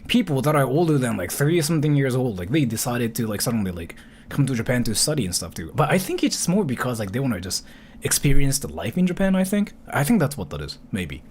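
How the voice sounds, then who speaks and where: With a sing-song, darkish, mid-range voice, this man in his thirties hosts a livestream of relaxed chat and reactions. He wanders, stalls, fixes his own sentences partway through, and leans on filler words. Slight background noise is present.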